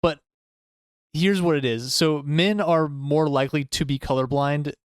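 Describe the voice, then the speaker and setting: Man, podcast co-host, smooth clear voice, dry close sound, relaxed casual chat. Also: fairly high pitch, measured pace, dry recording.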